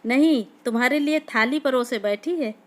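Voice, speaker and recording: A woman voicing a sharp-tongued young village wife who speaks in sarcastic taunts. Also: high voice, moderate pace, natural voice. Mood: taunting.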